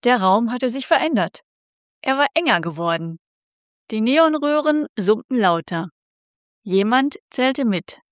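Slow, measured woman narrating a story. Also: a little high, expressive, dry recording, clean studio sound. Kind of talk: scripted narration.

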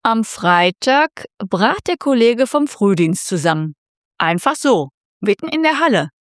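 Slow, expressive woman narrator. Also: medium pitch, dry recording, clean studio sound. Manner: measured, expressive reading. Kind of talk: scripted narration.

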